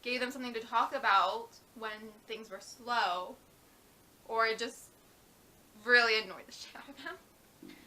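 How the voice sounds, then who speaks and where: Blunt young woman, bright higher voice. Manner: blunt, quick interjections, gives advice. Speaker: vlog co-host. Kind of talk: casual chat.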